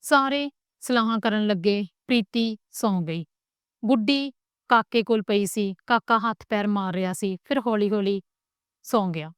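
Clear-voiced Punjabi woman storyteller. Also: mid-range voice, a little slow, no echo, clean studio sound. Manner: steady, plain narration. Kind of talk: storybook reading.

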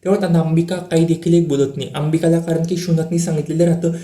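A man's voice: on the high side, level tone, quick pace, mellow. A man casually recapping the latest episode of a TV serial, often turning to address the viewers and repeating stock words. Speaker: TV serial update narrator. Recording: roomy echo.

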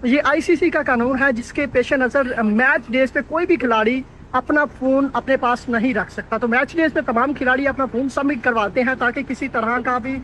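A man's voice: very high voice, normal speed, few pauses, a bit bright, slight background noise, low-quality recording. A man, reporting on location and naming each arrival in running commentary. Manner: running play-by-play narration of arrivals. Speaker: sports reporter. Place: outdoors beside the team bus at a stadium.

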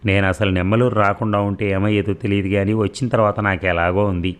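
A spirited, teasing young woman pleads her case in a novel's audiobook, as a man reads her lines. The voice stays very deep and low throughout, earnest and persuasive rather than acted up, like a storyteller lending her his own tone. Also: level tone, fast talker, natural voice. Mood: pleading. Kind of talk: audiobook dialogue reading.

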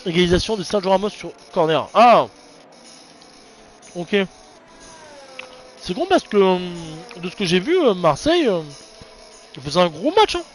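A young man calls an online racing league live, his high voice swinging up and down in lively bursts. He is excitable and chatty, and he speaks informally and directly to his viewers. Soft music plays behind him. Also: measured pace, long pauses. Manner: excitable, chatty, talks straight to viewers, slangy. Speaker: race commentator and streamer. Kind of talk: casual live esports race commentary.

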